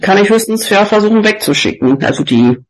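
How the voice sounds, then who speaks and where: A man's voice: high-pitched, animated, fairly quick. A man talking hesitantly in an online group session, often checking for agreement, heard through an overdriven, scratchy computer microphone. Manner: hesitant, seeking agreement with tag questions. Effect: overdriven, scratchy clipping microphone. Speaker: participant in a spiritual group session. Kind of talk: casual online group talk. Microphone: poor computer microphone.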